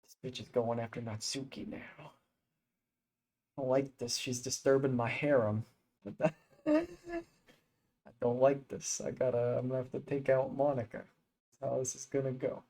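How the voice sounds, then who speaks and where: A man streaming a visual novel, reacting with excited, profanity-laced rambling. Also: medium pitch, normal speed, long pauses, rough recording. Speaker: gaming streamer.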